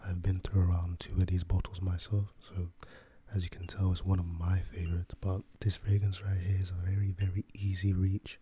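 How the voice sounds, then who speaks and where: A man playing a laid-back, chatty fragrance salesman in a soft, breathy ASMR role-play for ASMR, with an unhurried, casual patter. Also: deep voice, completely flat delivery, noisy background, lightly acted.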